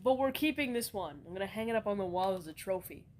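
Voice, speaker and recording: A woman acting out comedy sketches, swearing casually and bantering in a deadpan way. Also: mid-range voice, fast, slight background noise. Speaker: sketch comedy creator playing all roles.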